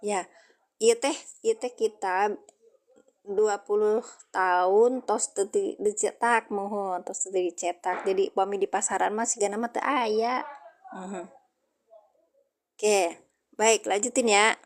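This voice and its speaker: Slow-paced woman teacher. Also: medium pitch, fairly even intonation. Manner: slow, chatty, answers viewer comments. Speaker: Quran grammar teacher on livestream. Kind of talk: casual livestream lesson.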